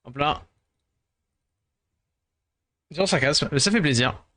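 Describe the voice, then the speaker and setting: A rambling, self-deprecating streamer from France who sounds tired. He chats casually with his viewers and slips English words into his talk. His voice sits fairly high, and the sound is dry and close. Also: lively intonation, brisk, pushed and bright, dry recording.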